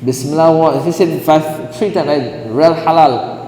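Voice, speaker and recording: A man's voice: on the high side, moderate pace. A man, a mufti, teaching Islamic law in a lecture class, who keeps checking his listeners with "right?" and "what?". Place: mosque hall. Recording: roomy hall echo, faint hiss.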